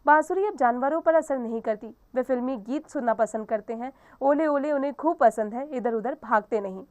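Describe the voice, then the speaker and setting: A woman's voice: high voice, normal speed, darkish tone, no echo, natural voice. A woman reading the part of a young male herdsman in a story, in a plain, matter-of-fact manner.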